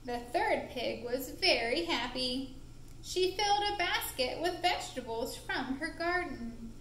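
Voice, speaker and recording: A woman narrating a puppet show for young children in an expressive, deliberate, playful way, recorded in an indoor room. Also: sits high. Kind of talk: animated storytelling for young children. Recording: roomy echo with faint background noise.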